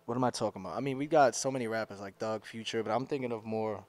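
A man's voice: fairly low pitch, fast. A man with a New York accent co-hosting a podcast, talking in loose, slangy banter and laughing easily. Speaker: podcast co-host. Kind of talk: casual chat.

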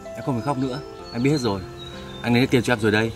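A man voicing a gentle older brother who comforts his sister and apologizes. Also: mid-range voice, racing, far from the mic, loud music behind the voice, natural voice. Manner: soothing, apologetic.

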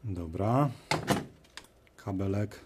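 Muttering in short phrases, a man comments casually on his own work at a cluttered workshop bench indoors for a video he hosts. His voice sits low and he draws out his words. The recording clearly picks up noise and clicks from tools and parts.

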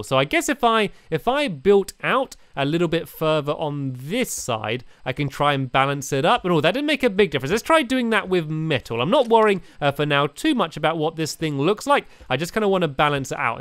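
A young British man giving chatty, excitable commentary while playing a building game, full of fillers and restarts. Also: fairly high pitch, clear, resonant tone, no echo, studio quality. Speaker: gaming video creator. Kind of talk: casual gameplay commentary.

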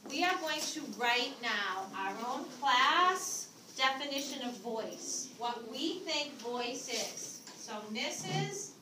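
A woman's voice: high voice, lively intonation, takes it slowly, few pauses. A woman teaching a class as a visiting teacher, patiently prompting students to repeat her words, in a school classroom. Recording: echoey classroom from far off, noisy.

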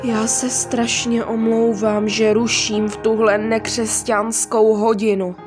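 A woman's voice: a little high, fairly even intonation, over music, close to an everyday voice. A woman reading the part of a tearful, worried mother who whimpers apologies.

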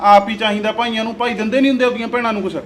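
A man's voice: high voice, little pitch movement, lightly acted. A man playing a hot-tempered protective brother. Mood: insistent. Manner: insistent and quick to anger. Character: hot-tempered loving brother, a village husband.

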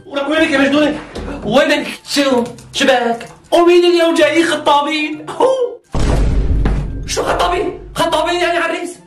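A man voicing a loud, mocking young woman who refuses an arranged match, in a comedy sketch. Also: very high voice, brisk, roomy sound, soft background music, voice pushed up. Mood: excited. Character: brash, rude young woman resisting marriage.

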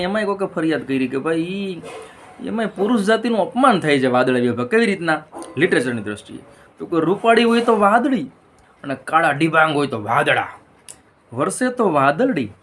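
A man's voice: on the high side, fairly bright tone. A middle-aged man, telling a string of jokes in a casual monologue and switching voices for the punchlines.

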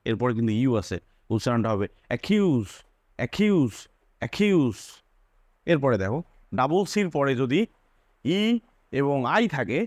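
A man's voice: mid-range voice, no echo, clean studio sound. A man teaching English pronunciation, repeating each example word several times and pointing things out. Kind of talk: spoken English pronunciation lesson.

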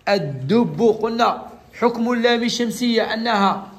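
A man's voice: very high voice, moderate pace, pushed and bright. A male teacher leading a classroom lesson with young pupils. He talks patiently, repeats each letter and praises the answers.

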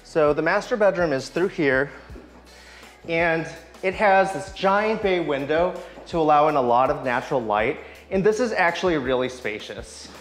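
A man's voice: on the high side, expressive, normal speed, soft background music. A man in his thirties hosting a walking tour of an old house, enthusiastically guiding viewers from room to room. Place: empty old house, indoor rooms.

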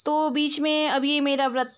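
A young woman vlogging in a casual way, speaking slowly in her voice-over and loudly when she explains a hearing aid to an elderly neighbour. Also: high-pitched, level tone, slight background noise. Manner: slow, devotional narration; loud and repetitive when helping the elderly neighbour. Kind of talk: casual vlog voice-over and chat.

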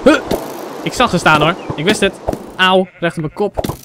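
A young man from the Netherlands doing Minecraft let's play commentary, excitable, exclaiming in English and chatting to his viewers. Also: sits high, normal speed, noisy background. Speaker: gaming channel host. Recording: faint game music behind.

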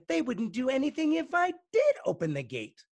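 A man reading a storybook and voicing a bold, loud young farm girl with a shouty, exaggerated, sing-song delivery. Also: extremely high pitch, huge pitch swings, moderate pace, vocal fry, voice pushed up, full character voice. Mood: scornful.

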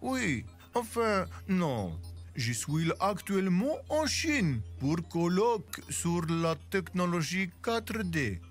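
A storyteller voicing a polite male inventor speaking through a hologram, with a Russian accent and slow, formal speech. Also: mid-range voice, big pitch swings, soft background music. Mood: courteous.

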